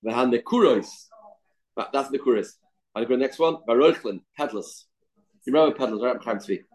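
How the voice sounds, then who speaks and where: A man's voice: mid-range voice, lively intonation, brisk, darkish tone, low-quality recording. Man teaching. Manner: repeats phrases and asks rhetorical questions. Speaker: Torah teacher. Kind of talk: informal religious lesson, reading a text and explaining it.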